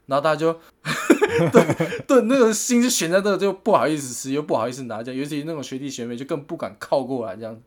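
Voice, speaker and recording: A man's voice: a little high, animated, fast, few pauses. A young man, telling rambling anecdotes in casual chat and laughing often. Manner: rambling anecdotes full of 'this way' fillers, laughs often.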